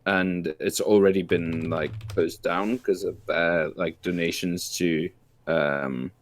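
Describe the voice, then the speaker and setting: A man's voice: low-pitched, fairly even intonation, slow. A British man in his thirties in casual chat, hesitant, with many fillers. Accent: British English. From England. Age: 30s. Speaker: podcast co-host.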